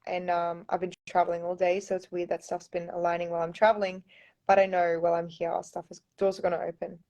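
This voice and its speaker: A woman's voice: on the low side, monotone, quick pace, darkish tone. Young Australian woman, casual live Q&A into a phone, talkative and loose. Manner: chatty, reads viewer comments aloud, often says um and like. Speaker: pageant contestant answering fans.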